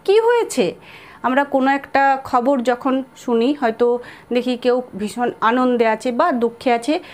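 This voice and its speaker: A woman with a Bengali accent teaching spoken English, repeating example sentences slowly and spelling words out letter by letter. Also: high-pitched, darkish tone.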